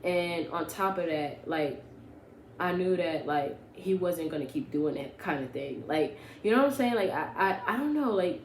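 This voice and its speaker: A woman's voice: lowish voice, expressive, normal speed. Chatty young woman, roomy echo. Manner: chatty, sarcastic, lots of "like" and "you know what I'm saying". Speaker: vlogger. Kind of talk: casual storytime. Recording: roomy echo with faint hum.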